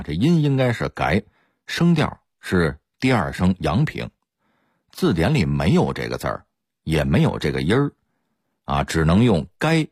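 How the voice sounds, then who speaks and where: A man's voice: low-pitched, a little mellow, husky, no room sound, clean studio sound. A man giving an explanatory radio talk as presenter, lecturing and demonstrating dialect pronunciations.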